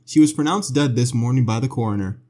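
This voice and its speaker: A man reading the lines of a TV news anchor with a brisk, formal newsreader delivery. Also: medium pitch, warm tone, natural voice. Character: adult TV news anchor reading a crime report.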